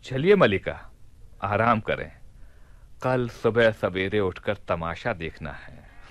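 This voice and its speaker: In a Hindi radio play, a man acts as a commanding, mischievous caliph plotting a prank in his palace. His voice is low-leaning and slow, animated, imperious, theatrical and deliberate, recorded with no room sound.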